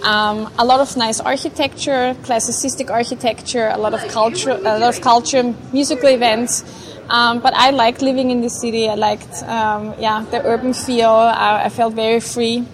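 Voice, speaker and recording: A woman, a neuroscientist answering interview questions in a hesitant, thoughtful way with many pauses. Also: fairly high pitch, little pitch movement. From Vienna, Austria. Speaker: guest, neuroscientist. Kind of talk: casual interview chat.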